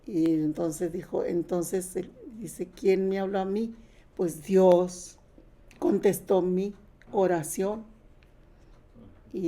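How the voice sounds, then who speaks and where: A woman's voice: mid-range voice, warm tone. An older woman sharing her personal testimony in a plain conversational way, retelling past conversations.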